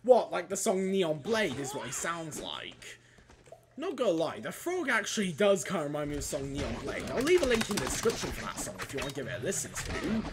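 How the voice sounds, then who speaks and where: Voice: medium pitch, brisk, background noise. A let's play gamer giving casual gameplay commentary, joking and talking back at the enemies on screen. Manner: animated, jokey, talks back at enemies. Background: game music.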